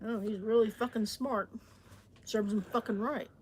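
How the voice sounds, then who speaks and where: A woman's voice: fairly high pitch, steady tone, normal speed, a little mellow, slight background noise. A woman co-hosting a travel vlog who chats casually, complaining and swearing about everyday troubles. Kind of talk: casual chat.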